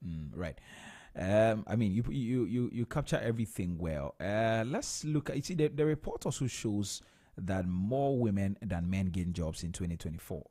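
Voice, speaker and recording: A man with a Ghanaian English accent hosting a radio talk show, calm, with brief affirmations. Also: fairly low pitch, moderate pace.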